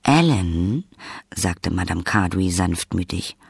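Brief: male audiobook narrator, low voice with gravel and husk, dry close sound. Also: steady tone, normal speed, no room sound. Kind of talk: scripted narration.

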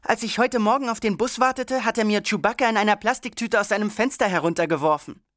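An audiobook reader voicing an eager schoolgirl who explains a paper fortune-teller puppet in a raised, bright tone. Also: medium pitch, fast, dry recording, clean studio sound, voice pushed up, close to an everyday voice.

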